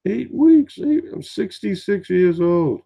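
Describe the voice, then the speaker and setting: A man's voice: high-pitched, big pitch swings, takes it slowly, gravelly, dark tone. A man in his sixties, tired, chatting in a meandering, rambling way in a casual vlog. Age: 60s. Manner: meandering, chatty storytelling with many fillers. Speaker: vlogger.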